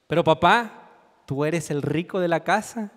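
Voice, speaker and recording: Guy quoting a happy trusting four year old kid, voice stays high, big echoey hall. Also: measured pace, fairly bright tone.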